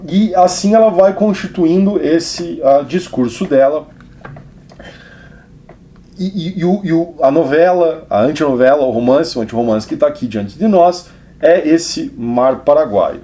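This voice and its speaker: A man casually talking about a novel to camera as a book reviewer, meandering and restarting sentences with drawn-out fillers. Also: a little high, warm tone. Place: indoor studio set with camera crew.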